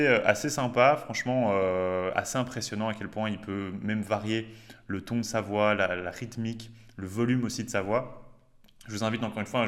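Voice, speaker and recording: Guy doing a chill tech demo, lowish voice, slangy, lots of euhs. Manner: relaxed, chatty, slangy with frequent hesitations. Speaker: host. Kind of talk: casual tech demo to camera.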